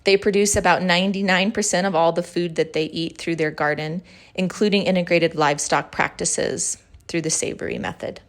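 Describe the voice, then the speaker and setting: A woman's voice: on the low side, steady tone, normal speed. Woman narrating a travel vlog. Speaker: host. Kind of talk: scripted narration.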